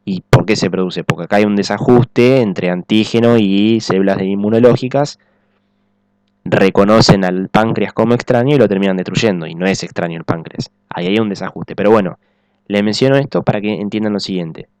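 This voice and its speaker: A man's voice: lowish voice, a little fast, a little mellow, clean tone, dry recording. A man giving a recorded biology lecture, explaining step by step and checking in often with the class. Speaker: teacher.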